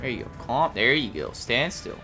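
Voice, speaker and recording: A young man casually commenting on his gameplay, excitable, swearing and joking and talking to his horse in the game. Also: medium pitch, normal speed. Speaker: gameplay streamer. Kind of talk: casual let's play commentary. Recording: game music loud behind the voice. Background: video game music and sounds.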